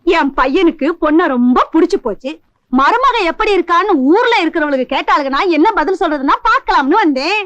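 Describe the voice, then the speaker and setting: A woman's voice: extremely high pitch, expressive, brisk, fairly bright tone, lo-fi sound. A doting groom's mother. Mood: affectionate. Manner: fussing, affectionate. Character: groom's mother, pleased and chatty. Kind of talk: 1980s film acting. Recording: film soundtrack with music.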